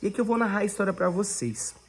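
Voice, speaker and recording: Brazilian woman, fervent devotional preacher, husky mid-range voice. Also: medium pitch, expressive, quick pace. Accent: Brazilian Portuguese. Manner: fervent, addresses listeners as brothers, swings between loud and hushed. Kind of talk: online Bible devotional preaching.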